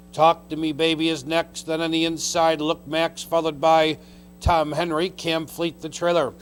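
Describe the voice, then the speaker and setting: A man's voice: on the high side, slight background noise. A man calling a live harness race as track announcer, in clipped phrases that run through the field and positions. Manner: race-caller delivery in clipped phrases listing horses and positions. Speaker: horse race caller. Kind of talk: live harness racing commentary. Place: racetrack announcer's call.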